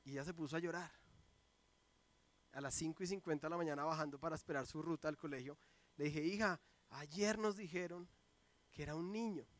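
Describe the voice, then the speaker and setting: High-voiced animated pastor preaching. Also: male voice, a little fast, pauses often. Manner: lively storytelling, acts out quoted voices. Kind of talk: sermon. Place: church sanctuary.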